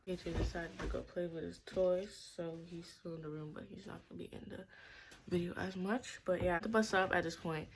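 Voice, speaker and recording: A woman's voice: on the low side, fairly even intonation, fairly quick, gravelly, noisy background. A young woman vlogger telling a personal story in her bedroom, rambling and saying "like" constantly. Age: young adult. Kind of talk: casual storytime vlog. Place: bedroom at home.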